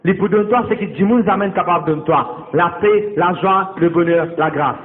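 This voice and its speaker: A man's voice: high voice, moderate pace. A man pastor preaching a sermon, repeating his phrases and calling straight out to the congregation, with English words mixed into his speech. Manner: repetitive, exhorting, addresses the congregation directly. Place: church. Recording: tinny, echoey church hall sound.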